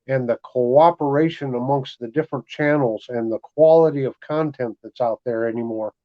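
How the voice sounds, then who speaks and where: A man hosts a casual chat in an easygoing, conversational way, with a medium-pitched voice at a moderate pace. The audio is slightly dull.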